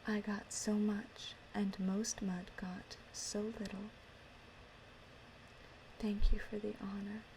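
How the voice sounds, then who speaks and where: Slow whispering ASMR woman, slightly creaky. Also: medium pitch, noisy background. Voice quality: soft, breathy whisper. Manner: slow, gentle, deliberate. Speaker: ASMR performer. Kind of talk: whispered ASMR, reciting and chatting. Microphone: close microphone, ear to ear.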